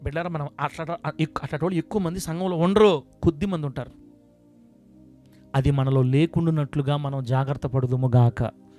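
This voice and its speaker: A man with a high voice preaches a sermon to a church congregation. His delivery swings from quiet, confiding asides to loud, emphatic bursts. Soft music plays faintly behind him. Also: fairly even intonation, a little fast. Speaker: pastor. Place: church service before a congregation.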